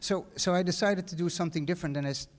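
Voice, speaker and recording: With a high voice and a racing pace, a middle-aged Dutch-accented guest speaker from the Netherlands rambles through a casual graduation speech in a large hall. He talks conversationally, piling up fillers and restarts.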